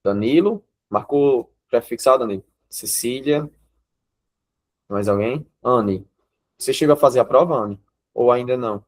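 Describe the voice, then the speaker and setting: A man with a Brazilian Portuguese accent speaks a little slowly in a medium-pitched voice while teaching grammar online. He explains each step in turn and keeps checking in with his students.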